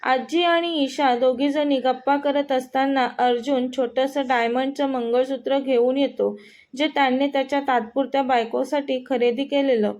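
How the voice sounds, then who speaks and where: A woman narrating a romantic short story in a steady reading voice. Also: high voice, normal speed.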